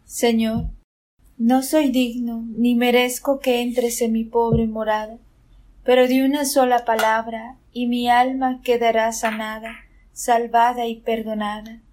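A woman reading a devotional prayer aloud in a measured, solemn manner. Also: fairly high pitch, flat delivery, a little mellow, slight background noise. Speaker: prayer reader.

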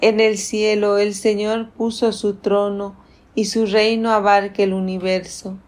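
A woman serving as lector at Mass, reading scripture and psalms aloud in a measured, formal, restrained way. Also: medium pitch, little pitch movement, darkish tone.

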